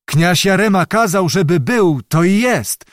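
A man's voice: high-pitched, lively intonation, a little slow, dry recording, studio quality, voice pushed up. A man voicing an old male village peasant who gives short, plain, deferential answers.

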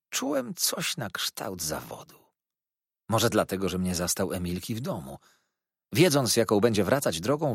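Male narrator, low husky voice, lively intonation, dry close recording; classic first-person audiobook read. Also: no echo. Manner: expressive, measured reading.

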